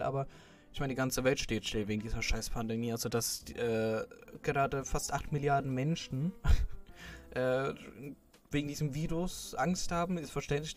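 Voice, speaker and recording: A man's voice: fairly high pitch, darkish tone. A young man talking casually in a rambling way, with many fillers and restarts. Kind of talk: casual chat.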